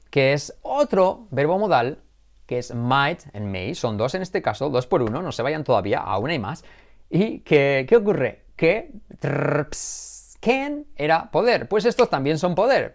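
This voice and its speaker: A man teaching English in a live online class, chatty and joking as he explains. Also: a little high. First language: Spanish. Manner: chatty, explains with jokes and asides.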